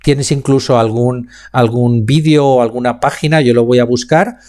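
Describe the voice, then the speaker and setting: A man with a Spain Spanish accent teaching public speaking in a live online class, answering chat questions and slowing down to demonstrate pauses and emphasis. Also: medium pitch, fairly even intonation, a little mellow.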